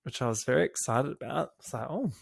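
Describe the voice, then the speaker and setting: A man co-hosts a casual podcast, recapping a reality show in a camp, gossipy way. His voice has a gravelly fry, and he sits at a middle pitch. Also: quick pace. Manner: camp, gossipy, quotes people in put-on voices. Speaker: podcast co-host.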